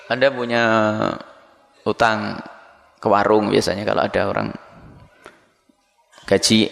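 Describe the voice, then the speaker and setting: Animated preacher man in a reverberant hall. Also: medium pitch, creaky. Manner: animated, playful, acts out examples. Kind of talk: Ramadan sermon.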